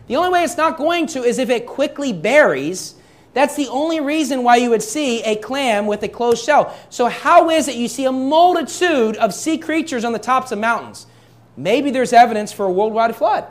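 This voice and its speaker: A young adult pastor preaching a sermon in a church, talking conversationally and asking his listeners rhetorical questions. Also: extremely high pitch.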